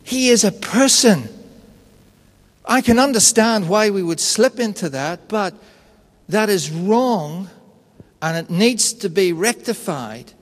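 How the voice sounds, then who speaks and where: A man preaching a sermon in an unhurried, conversational and personal way, telling stories. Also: sits high, lively intonation, in a large hall. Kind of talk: sermon with storytelling.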